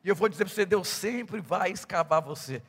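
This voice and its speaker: Fervent high-voiced preacher in a hall. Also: male voice, brisk, slightly rough. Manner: builds from calm storytelling to loud fervent preaching. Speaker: pastor. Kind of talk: sermon. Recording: echoey hall reverb.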